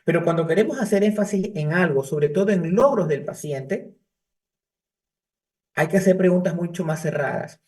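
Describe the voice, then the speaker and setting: A man's voice: high-pitched, moderate pace, a little mellow. A man teaching a psychology class, explaining in a conversational lecture style and illustrating with stories from his cases. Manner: conversational, tells case anecdotes with restarts. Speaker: psychology professor. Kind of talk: university lecture. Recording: distant mic.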